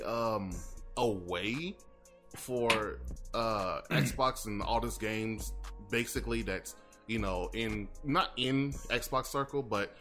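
A man's voice: on the low side, a bit bright. A man hosting a casual podcast, laid-back and loose, stumbling over repeated words. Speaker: podcast host. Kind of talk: casual chat.

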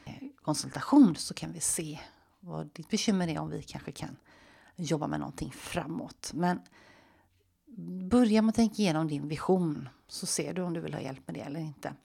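A woman with a deep, slightly creaky voice hosts her own coaching podcast. She talks to the listener in a relaxed, conversational way. When she leads the visualization she goes quiet and close, almost a whisper. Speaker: life coach and podcast host. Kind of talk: solo podcast monologue with guided visualization.

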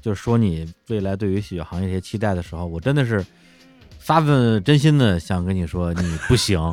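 Low-voiced man hosting a relaxed chat. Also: soft background music. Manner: calm, measured questions, many short backchannels. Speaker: podcast host. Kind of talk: casual conversational interview.

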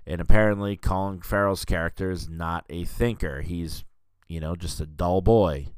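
A man talks through a movie in a loose, rambling monologue, full of fillers and restarts. His voice sits very low and comes across smooth and clean. The recording is dry and close, with no room sound. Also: moderate pace, no echo. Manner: rambling, lots of fillers and restarts, says dude and you know what I mean. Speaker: podcast host reviewing films. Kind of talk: casual film review monologue.

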